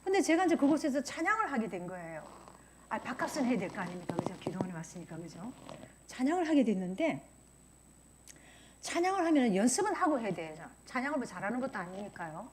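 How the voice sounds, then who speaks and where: A woman's voice: a little high, quick pace, a little hiss or hum. A woman pastor preaching a sermon, telling stories and acting out the voices of people she quotes. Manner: animated storytelling, acts out voices in quotes. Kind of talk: sermon with storytelling.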